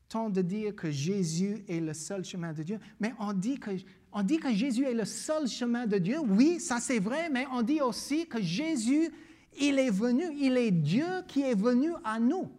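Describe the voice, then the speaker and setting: American pastor preaching in halting French. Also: male voice, high-pitched, expressive, darkish tone. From Louisiana, United States. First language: English. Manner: earnest, repeats words, many pauses with fillers. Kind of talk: sermon with personal story.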